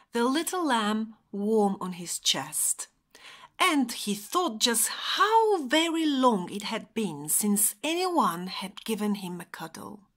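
Teacher lady reading a kids book, bright high voice, slooow, whispers the hushed parts. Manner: slow, expressive, drops to whispers for effect. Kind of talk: reading a picture book aloud to children.

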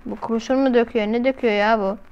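A woman's voice: fairly high pitch, fairly even intonation, quick pace, a little mellow, clean tone, muffled recording. A woman doing casual, slangy reaction commentary as a video host, often exclaiming.

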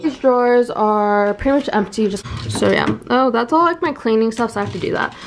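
A woman's voice: a little high, fairly quick, over music. Chatty young woman vlogging. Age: young adult. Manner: chatty, filler-heavy, upbeat. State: out of breath while walking. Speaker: college student vlogger. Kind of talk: casual vlog. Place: college dorm room and outdoors walking.

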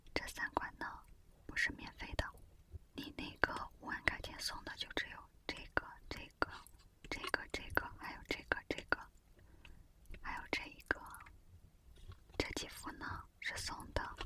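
A pushy, smooth-talking shop saleswoman played by a woman in a whispered ASMR role-play. She speaks entirely in a whisper, close to the mic. Her customer-service patter is coaxing and persuasive. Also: bright, forceful tone, natural voice. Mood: placating.

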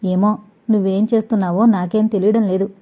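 A woman's voice: mid-range voice, flat delivery, fairly quick, close to an everyday voice. A woman reading an anxious young woman in love. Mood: worried. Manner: pleading, worried. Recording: dull lo-fi audio.

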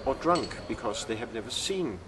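A man in his thirties with a Danish accent gives reflective interview answers, halting as he searches for words. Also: medium pitch, lively intonation, background noise. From Denmark. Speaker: filmmaker being interviewed. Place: outdoor courtyard among glass buildings. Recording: distant mic outdoors, urban bustle behind.

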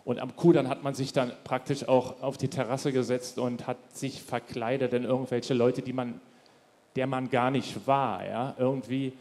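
A man on a panel talks in a loose, rambling way, his voice dark and mellow. The sound rings with long reverb through a large hall. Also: medium pitch, flat delivery, normal speed. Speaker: panel guest. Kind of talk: panel discussion.

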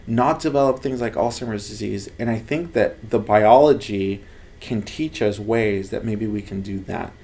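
His voice sits on the low side, warm in tone and at a normal speed. He's a lab head in his thirties from Los Angeles, United States, giving a casual interview about his work, earnest and animated, in an indoor office full of bookshelves.

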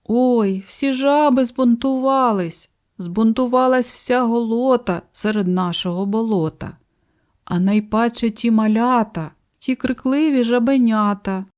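A woman's voice: a little high, measured pace, darkish tone, lightly acted. A woman voicing anxious storks who phone from afar to complain, in an audio storybook of children's verse. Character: fretful storks calling from far away.

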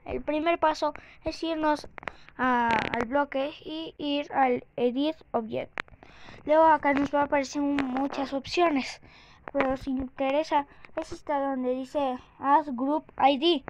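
A youthful woman with a high voice talks through a casual game tutorial. She goes slowly and haltingly, thinking aloud. The mic sounds muffled and clearly noisy. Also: fairly even intonation. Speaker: tutorial host. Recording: muffled lo-fi mic with clicks and noise.

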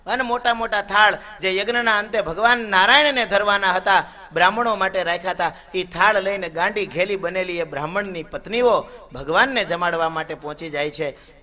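High, bright-voiced man preaching a story sermon. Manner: chants Sanskrit verses within the story; voices characters in dialogue while narrating. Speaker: katha preacher.

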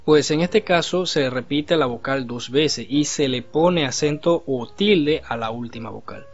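A man teaching a video language lesson, explaining patiently and slowly repeating example syllables. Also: mid-range voice. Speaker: Cantonese teacher. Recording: slightly dull recording with faint music.

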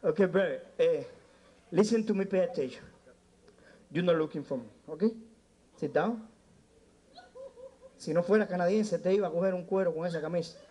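A man's voice: high voice, normal speed, pauses often, warm tone. A man with a Cuban accent doing live stand-up in a nightclub, brashly teasing the audience and slipping into broken English. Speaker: stand-up comedian working the crowd.

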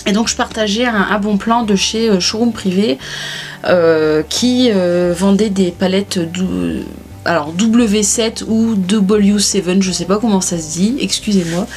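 A woman's voice: mid-range voice, measured pace, a little mellow, faint music behind. A woman, chatting casually to camera about her beauty purchases, with lots of hesitations and restarts. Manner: chatty, many fillers and restarts. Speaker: beauty vlogger. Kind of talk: casual haul chat to camera.

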